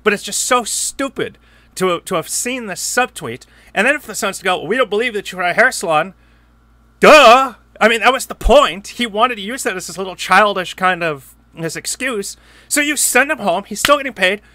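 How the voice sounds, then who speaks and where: A man with a high, very bright and sharp voice rants about sports with heated emphasis. The sound is dry and close, with no room echo. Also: expressive, moderate pace. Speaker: podcast host. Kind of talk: opinionated sports talk.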